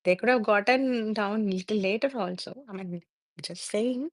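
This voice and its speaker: A woman's voice: medium pitch, extremely slow, no echo. A woman giving an emphatic, opinionated review of a reality show in a live audio chat, switching languages mid-sentence.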